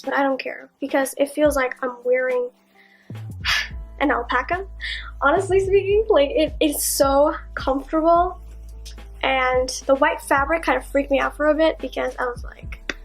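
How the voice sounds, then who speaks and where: A young woman chatting casually in her apartment for a haul vlog, enthusiastic and full of fillers and asides. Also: high-pitched. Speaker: vlogger. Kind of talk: casual haul video chat.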